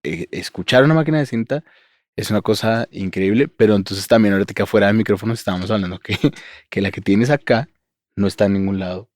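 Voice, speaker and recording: A man's voice: on the low side, quick pace, a little mellow, no room sound, studio quality. A man, hosting a podcast and teaching at a university, who talks thoughtfully and wanders into asides before circling back. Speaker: podcast host and university educator. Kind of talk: podcast interview.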